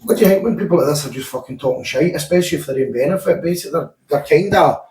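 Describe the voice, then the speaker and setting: A man's voice: a little high, rapid-fire, a little mellow, roomy sound. Chatty Scottish man hosting a podcast. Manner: chatty, swears freely. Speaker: podcast host and gym owner. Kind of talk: casual podcast chat.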